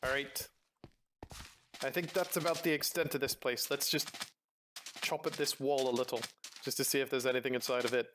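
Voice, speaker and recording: A man's voice: mid-range voice, steady tone, normal speed, long pauses, background noise. A man hosting a casual game video, playfully talking like a pirate captain. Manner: playful mock pirate talk. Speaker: let's play host. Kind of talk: casual gameplay chat in pirate role-play.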